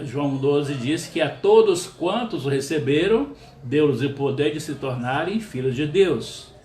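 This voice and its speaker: A male pastor delivering a sermon in an earnest, measured way, with frequent pauses and small "ah" fillers. His voice sits a bit high for a man and rings in a reverberant room, with a faint hum behind it.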